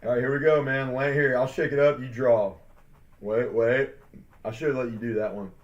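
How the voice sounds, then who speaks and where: A man's voice: medium pitch, steady tone, moderate pace. A man co-hosting a sports podcast in casual chat, rambling with lots of fillers and upbeat hype. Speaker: podcast co-host. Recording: dull lo-fi sound.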